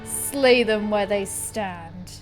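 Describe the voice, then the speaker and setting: A woman's voice: mid-range voice, extremely slow, music in the background. A woman voicing a haughty, commanding undead heir with formal, imperious delivery, reading out a game. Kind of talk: character voice in a game read-aloud.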